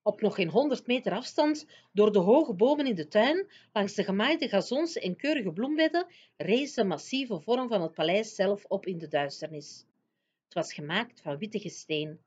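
A woman teacher reading a children's book aloud in a lively storytelling manner. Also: mid-range voice, normal speed, breathy edge. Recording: dull lo-fi recording.

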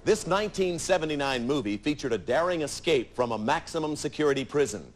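A man hosting a TV game show, bantering playfully with contestants and reading questions briskly in a studio. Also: a little high, lively intonation.

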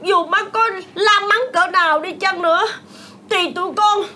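A woman's voice: extremely high pitch, steady tone, moderate pace, pushed and bright. A woman with a Southern Vietnamese accent playing a sweet, pleading young wife in a comic folk-opera sketch. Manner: pleading, coaxing. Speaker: daughter-in-law. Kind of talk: comic folk-opera acting, spoken and sung. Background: folk music.

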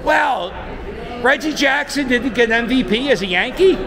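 A man in his forties vlogging as he walks through a baseball stadium, loud and excitable, shouting cheers. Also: very high-pitched, normal speed, creaky. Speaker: vlogger and sports fan. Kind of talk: excited vlog commentary. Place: crowded baseball stadium concourse. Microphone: handheld camera at arm's length. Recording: loud crowd noise at a ballpark. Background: loud crowd and stadium noise.

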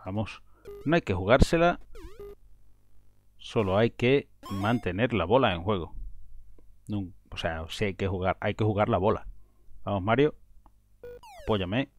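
A man giving casual, excitable commentary while playing a video game, breaking into frustrated outbursts. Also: lowish voice, measured pace, long pauses, faint music behind. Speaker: gaming video host.

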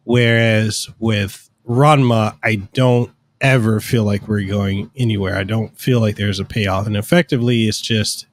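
A man with a lowish, steady voice co-hosts a podcast at a measured pace with few pauses. He talks casually, rambling through long explanations with fillers, using a studio mic on an arm and headphones at home.

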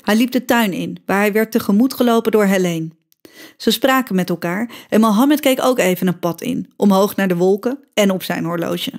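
A woman reading a children's story aloud as scripted narration, expressive and lively, voicing the characters' cries. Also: mid-range voice, normal speed. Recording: music bed behind voice.

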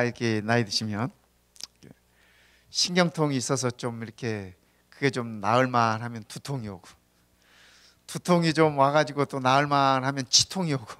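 A man's voice: mid-range voice, normal speed, pauses often, a bit bright. Conversational male pastor preaching. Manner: conversational, often asks the congregation for agreement; tells humorous stories. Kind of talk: sermon. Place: church sanctuary.

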